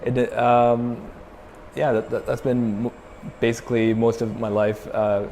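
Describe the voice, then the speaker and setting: At a measured pace and medium pitch, a young man from Sri Lanka who leads a metal band talks casually in an interview. He sounds relaxed, with many fillers and restarts, recorded in a large hall with slight background noise.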